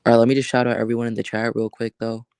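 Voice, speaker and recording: A man hosting a casual livestream chat, rambling and halting with many fillers and restarts. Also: mid-range voice, flat delivery, darkish tone, clean tone, no echo. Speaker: livestream host.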